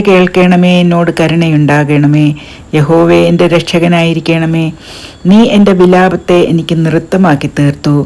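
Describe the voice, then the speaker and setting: Woman reader, low gravelly voice, measured and solemn scripture delivery. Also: darkish tone. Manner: slow, solemn reading.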